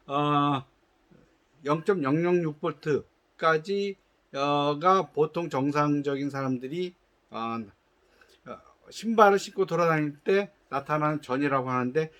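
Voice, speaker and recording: A man whose voice runs on the high side and a bit bright gives polite, formal instructions for testing his shoe company's product. He's patient about it, but his delivery is full of hesitations and restarts.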